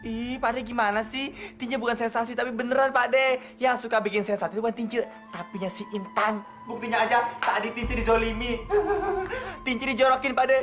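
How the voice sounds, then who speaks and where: A woman's voice: fairly high pitch, a little fast, hardly any pauses, faint music behind, close to an everyday voice. An actress playing a whiny, theatrical woman who shrieks, cackles and fake-sobs in a sinetron comedy. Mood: whiny wailing. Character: whiny, theatrical grown woman, fussing and wailing.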